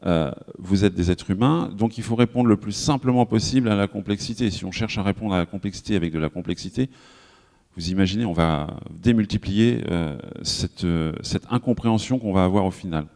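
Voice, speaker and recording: A man's voice: lowish voice, fairly quick, darkish tone. A man with a French accent giving a live conference talk. He speaks conversationally, with many fillers and restarts, and often turns to address the audience directly. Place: conference hall. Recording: long hall reverb.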